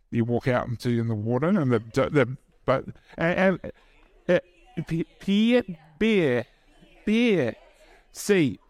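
Here a New Zealand-accented preacher with a medium-pitched voice gives a casual sermon during a church service, recorded cleanly and dry as if in a studio. Self-deprecating jokes and friendly remarks to the congregation run throughout.

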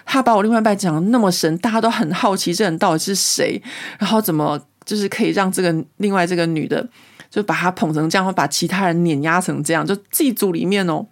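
A woman, hosting a podcast and telling a story in a casual, animated way. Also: on the low side, fast. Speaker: podcast host.

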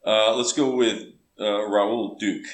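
A man's voice: lowish voice, fairly even intonation, slow pace. A man raised on the border between Texas and Mexico. He is a guest in a casual interview and explains his views earnestly, thinking aloud as he goes. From Texas–Mexico border region. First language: bilingual English and Spanish. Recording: echoey room with faint background noise.

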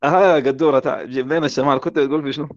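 A man hosting a casual online poetry chat, teasing his friends in quick banter. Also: medium pitch, fairly even intonation, dry recording. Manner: joking, teasing, fast banter. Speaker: host. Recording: dull lo-fi online call audio.

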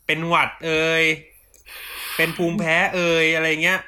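A man's voice: a little high, level tone, moderate pace, sharp tone. A young man hosting a casual chat among friends, joking with crude slang and mock-formal sign-offs. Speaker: podcast host.

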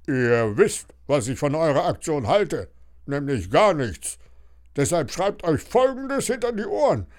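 A man's voice: a little high, very animated, unhurried, a little mellow, voice pushed up. A man reading an audiobook voices a strict, grumpy male school caretaker laying down rules. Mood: stern. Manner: stern, lecturing.

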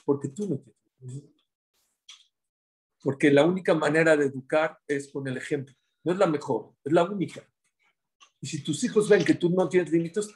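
A man giving a religious class, preaching in an animated way and acting out the quotes in his stories. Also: fairly high pitch, slightly rough. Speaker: religious teacher.

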